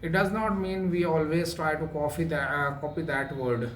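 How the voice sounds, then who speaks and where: A man giving a spoken English lesson, talking slowly with lots of repetition and filler sounds. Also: a little high, steady tone, a little hiss or hum. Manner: slow, repetitive, many filler uhs. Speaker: English teacher. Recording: echoey room with faint ambience.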